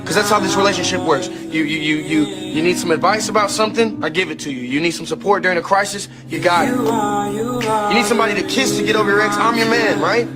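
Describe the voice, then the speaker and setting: A man's voice: high voice, fast, over loud music, close to an everyday voice. An actor playing a hurt young man who reproaches a friend, in a TV drama. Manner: bitter, reproachful. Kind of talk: TV drama acting.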